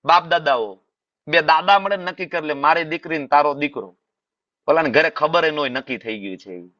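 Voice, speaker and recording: A man with a Gujarati accent giving a sermon in a scripture class, animated, asking rhetorical questions and repeating phrases. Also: fairly high pitch, fairly quick, no echo, dull audio. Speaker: preacher.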